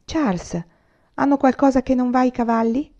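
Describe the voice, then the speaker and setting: A woman voicing a gentle, careful pioneer mother who speaks politely and gently urges, in a dull lo-fi recording. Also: mid-range voice, lively intonation, normal speed, close to an everyday voice.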